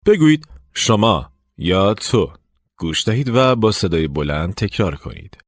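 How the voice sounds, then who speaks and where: A man narrating a language lesson, giving clear step-by-step instructions. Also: lowish voice, sing-song, no echo, clean studio sound. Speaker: language teacher.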